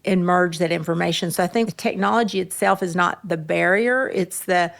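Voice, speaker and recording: Low, gravelly-voiced woman executive. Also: a little fast. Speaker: panel guest, executive. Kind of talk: panel discussion.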